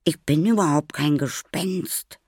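A man voicing a feisty young girl who scolds in hushed, sharp tones. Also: mid-range voice, sing-song, unhurried, creaky, slightly rough, no echo, studio quality, pitched above the performer's own voice, full character voice. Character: spirited young girl, bold and quick.

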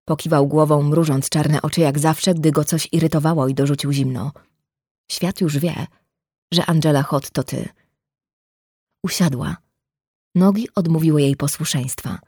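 A woman's voice: deep voice, steady tone, normal speed, long pauses, warm tone, husky, dry recording, clean studio sound. A woman reading a novel aloud as an audiobook narrator, voicing every character herself with small shifts of tone. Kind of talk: scripted narration.

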